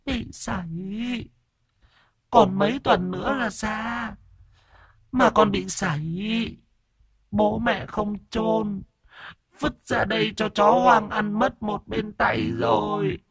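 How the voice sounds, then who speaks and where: A man voicing the bitter ghost of a miscarried child, speaking in a high, thin, drawn-out whine and cursing the family. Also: steady tone, gravelly, fairly bright tone, husky, no room sound, clean studio sound, full character voice. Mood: mournful whining. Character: wailing ghost of an unborn child, bitter, vengeful.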